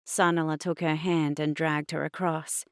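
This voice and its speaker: Give me a low, dry-sounding Australian woman narrating a story steadily. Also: little pitch movement, moderate pace, clean tone, no echo. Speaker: audiobook narrator. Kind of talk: scripted narration.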